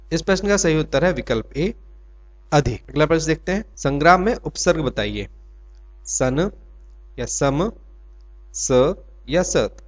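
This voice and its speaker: A male teacher works through an exam quiz, asking each question aloud and answering it himself. He stretches out his example words slowly. His voice sits a little high, and the recording sounds dull and lo-fi.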